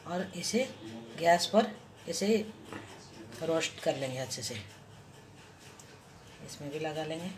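A woman with a low voice and an animated manner explains a recipe step by step in her home kitchen, slowly and patiently, with many pauses and restarts. She stays off-screen while the camera looks down at her hands, as the stove sizzles and fries in the background.

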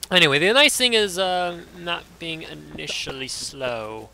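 A young man casually commentating his own gameplay, excitable and swearing, yelping out loud as things happen. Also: fairly high pitch, measured pace, vocal fry, a little hiss or hum. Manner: excitable, swearing, yelps and reacts loudly.

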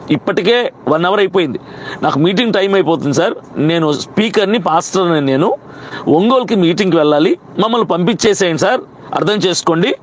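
Fast, heated man recounting an arrest. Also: high voice, a little hiss or hum. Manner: fast, heated retelling, acting out both sides. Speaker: pastor.

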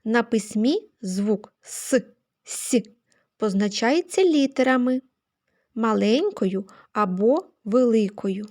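A woman teacher giving a phonics lesson to young children, slow and careful, stressing each sound she names. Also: fairly high pitch, expressive, a little mellow.

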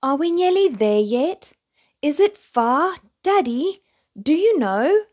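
A woman voicing an excited, impatient little bear cub in a storybook, squealing and eager. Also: high-pitched, slow pace, voice pushed up, heavily acted.

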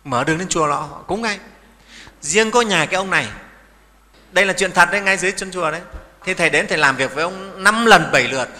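A man's voice: high-pitched, quick pace, pushed and bright, big-room sound. A middle-aged man, a Buddhist monk giving a sermon in a folksy manner, often asking his listeners questions.

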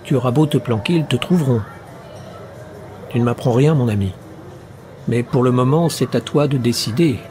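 A desperate, ruined middle-aged man, voiced by a male narrator in an audiobook. He presses his old friend with urgent, remorseful insistence. The voice is mellow and warm. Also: medium pitch, normal speed, long pauses, slight background noise, natural voice. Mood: insistent.

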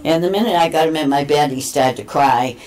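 A woman guest on a talk show telling rambling, animated stories about her visits. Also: low voice, a little fast, low-quality recording. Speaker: guest, cat therapy visitor. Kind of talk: casual interview chat.

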